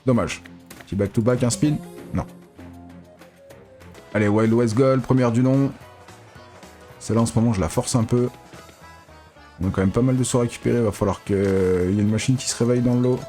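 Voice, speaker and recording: A man giving excitable, casual live commentary as a casino streamer, pleading with the reels and swearing. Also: mid-range voice, brisk, pauses often, soft background music.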